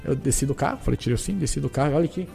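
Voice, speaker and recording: A man with a Brazilian accent, a footballer guest telling a story in casual chat, animated and repetitive, acting out the dialogue. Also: medium pitch, rapid-fire, creaky, soft background music.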